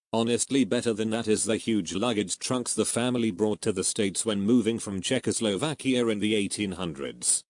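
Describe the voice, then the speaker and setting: A man narrating online posts in a steady, even scripted reading with no fillers. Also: fairly low pitch, dry recording.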